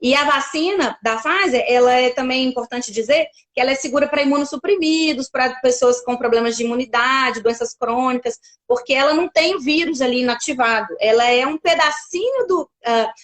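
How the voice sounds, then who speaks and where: A woman's voice: high voice, fairly quick, few pauses, a bit bright. A woman from Brazil, a pediatric doctor, explaining things carefully in a casual interview, with many fillers and restarts.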